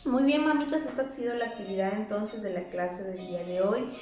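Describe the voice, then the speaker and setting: A woman's voice: mid-range voice, a little fast, roomy sound, faint music behind. A young woman teaching English words to preschoolers, repeating each word and having the children say it back. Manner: warm and encouraging. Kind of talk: slow, sing-song lesson for small children.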